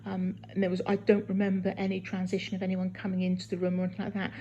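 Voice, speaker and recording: A woman talking casually in a halting video diary from a hospital room, sounding weak and tired and in some pain hours after surgery. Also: mid-range voice, completely flat delivery, warm tone, dull audio, slight background noise. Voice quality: husky, creaky. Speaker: patient recording a post-op video diary.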